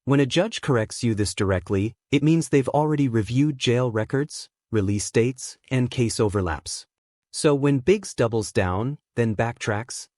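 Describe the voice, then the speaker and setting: Guy doing calm explainer voiceover, dry close sound. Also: medium pitch, no room sound. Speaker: commentator. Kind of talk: scripted narration.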